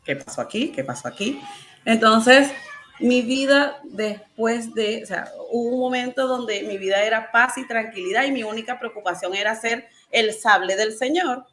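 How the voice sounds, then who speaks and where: A woman's voice: on the high side, moderate pace, a bit bright. A woman with a Venezuelan accent, telling her personal faith story in a colloquial, emotional way and laughing often. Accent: Venezuelan Spanish. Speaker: testimony guest.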